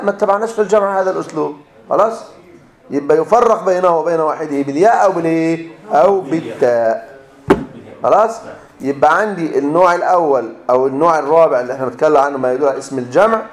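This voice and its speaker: A man with an Egyptian accent lectures on grammar in a fairly high voice, drilling each rule with questions that he often answers himself. His voice rings around an echoey classroom. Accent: Egyptian Arabic. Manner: drills students with repeated fill-in questions, then answers himself. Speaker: grammar teacher. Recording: echoey room.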